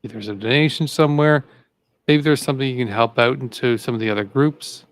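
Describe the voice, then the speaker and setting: This co-host of a live political talk show has a medium-pitched voice and a brisk pace. Getting fired up, he rambles and says the same things again, keeping the political commentary casual.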